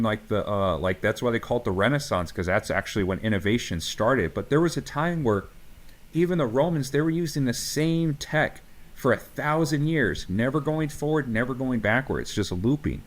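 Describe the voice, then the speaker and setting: Man ranting passionately about training. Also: medium pitch. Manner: passionate ranting, profane, many fillers and restarts. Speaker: strength coach and podcast co-host. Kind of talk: casual podcast talk.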